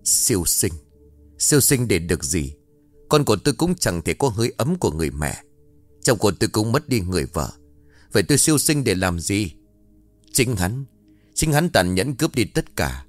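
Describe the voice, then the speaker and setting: A man's voice: fairly low pitch, sing-song, moderate pace, dry recording, soft background music. A man voicing the grieving, vengeful ghost of a young mother, bitter and anguished. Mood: furious. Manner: bitter, anguished, then tearful.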